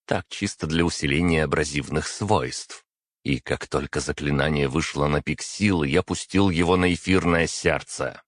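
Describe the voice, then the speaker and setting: Male audiobook narrator, extremely deep voice, steady measured reading, dry close mic. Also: no room sound. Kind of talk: first-person fantasy audiobook narration.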